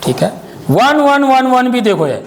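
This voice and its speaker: Male maths teacher with a very high voice, keeps checking with the class, long room reverb. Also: big pitch swings, unhurried. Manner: keeps checking understanding with questions. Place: classroom with pupils answering.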